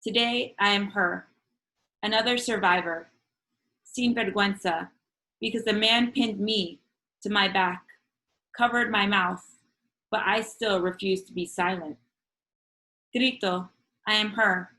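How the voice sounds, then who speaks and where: A woman whose first language is Spanish reads her own poetry as the featured poet at an online open mic, her ordinary mid-pitched voice measured and earnest, relaxing into casual chat between poems. Her tone is steady, pushed and bright. She comes through a video-call microphone at home on a rough recording.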